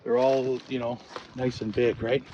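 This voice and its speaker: A man chatting casually outdoors as he explains his building work, often pausing to think aloud. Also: medium pitch, level tone, dark tone. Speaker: log cabin builder and vlogger. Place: outdoors at a cabin building site. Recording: muffled, noisy outdoor camera audio.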